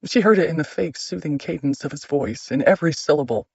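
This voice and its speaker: A man narrating a thriller audiobook in measured, tense scripted narration. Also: on the high side, expressive, creaky, husky, no room sound, dull audio.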